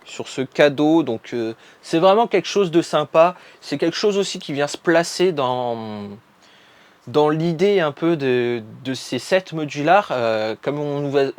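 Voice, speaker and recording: A young man casually talking through a product review, chatty and friendly, often pausing to search for words and restarting phrases. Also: fairly high pitch, no room sound. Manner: chatty, friendly, hesitant with frequent pauses and restarts. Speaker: vlogger reviewing a LEGO set.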